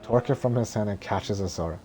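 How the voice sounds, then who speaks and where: A man with a low, mellow voice reads out a film script in a droning monotone. He is halting and trips over words, with faint noise in the background.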